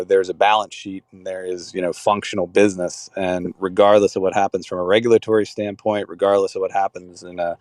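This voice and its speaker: A man's voice: deep voice, a little mellow, no room sound, clean studio sound. A man leading a crypto club call, talking casually and rambling with many restarts and fillers.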